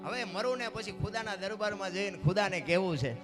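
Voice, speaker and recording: A man voicing a proud, boastful male conqueror king who calls out imperiously in a booming voice. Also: fairly quick, natural voice. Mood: commanding. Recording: music playing behind.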